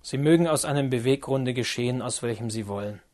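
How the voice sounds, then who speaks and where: A man's voice: mid-range voice, fairly quick, a little mellow, lightly acted. A man voicing a sober, reasonable young man who argues in a firm, matter-of-fact way in an audiobook reading. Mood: firm, impatient.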